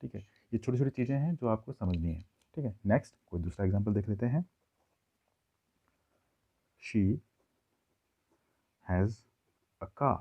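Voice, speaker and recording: A man teaching a classroom grammar lesson, explaining slowly and checking in with his listeners often. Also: fairly low pitch, animated, husky. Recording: tinny phone-like audio.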